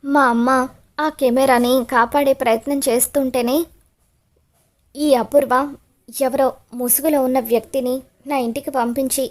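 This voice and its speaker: A woman voicing a furious young man who shouts his accusations. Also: high-pitched, steady tone, measured pace, pauses often. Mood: angry accusing.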